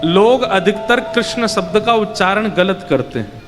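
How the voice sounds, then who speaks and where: Man preacher, high voice, devotional sermon in a reverberant hall with loud music underneath, expressive storytelling. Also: unhurried. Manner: acts out child and mother voices in the story, lively. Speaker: Bhagavat katha preacher.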